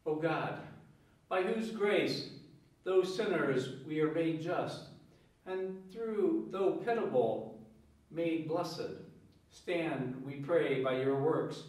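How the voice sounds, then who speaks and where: Solemn priest in booming cathedral echo. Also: male voice, a little mellow. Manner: measured, solemn delivery. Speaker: priest celebrating Mass. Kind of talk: liturgical prayer and scripture reading. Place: large reverberant church. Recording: heavy church echo, mic far off.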